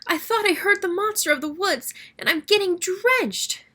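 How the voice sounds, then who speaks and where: A timid little male rabbit from a storybook, played by a woman, fretful and anxious. The voice jumps up high and bright, exclaiming with big swings of pitch. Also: lively intonation, normal speed, full character voice. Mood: frightened.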